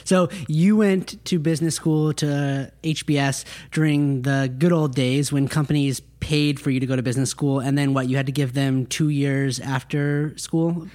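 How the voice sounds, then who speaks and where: A man's voice: mid-range voice, fairly even intonation, normal speed, hardly any pauses, a little mellow. A man hosting a finance podcast, asking easygoing questions. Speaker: podcast host. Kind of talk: podcast interview and ad reads.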